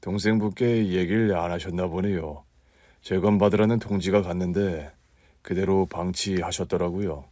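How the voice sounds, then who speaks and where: A woman voicing a calm doctor in a storybook radio tale, speaking in a measured way. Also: low voice, dry recording, studio quality, pitched below the performer's own voice, lightly acted. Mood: grave. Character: calm doctor delivering bad news.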